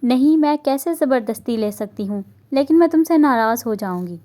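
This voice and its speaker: A woman's voice: high-pitched, lively intonation, mellow. Woman reading as a sweet, pouty young bride.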